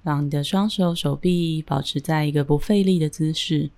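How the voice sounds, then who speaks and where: A woman leading a guided breathing and relaxation meditation in a calm, gentle, soothing manner with deliberate pauses. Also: deep voice.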